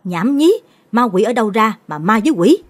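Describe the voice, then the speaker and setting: A woman voicing a distraught middle-aged father who shouts and demands answers, in a storytelling audiobook. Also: on the high side, very animated, normal speed, pitched above the performer's own voice. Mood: scolding.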